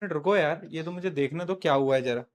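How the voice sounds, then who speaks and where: A man's voice: a little high, quick pace. A man teaching a live online science class in Hindi, chatty and teasing his students, slipping into English terms.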